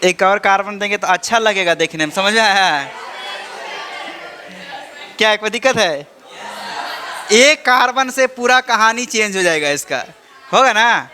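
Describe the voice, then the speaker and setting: A man's voice: high voice, expressive, a little slow, pauses often, sharp tone, a faint crowd. A man teaching organic chemistry to a class, drilling students with repeated check-in questions and teasing them playfully. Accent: Indian. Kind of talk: classroom lecture.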